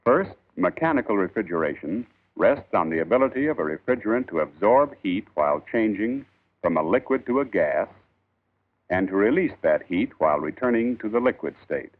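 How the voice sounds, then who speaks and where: A man reading a scripted 1940s instructional film in a formal, measured, emphatic old newsreel narrator style. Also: fairly low pitch, lively intonation. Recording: tinny band-limited 1940s film soundtrack.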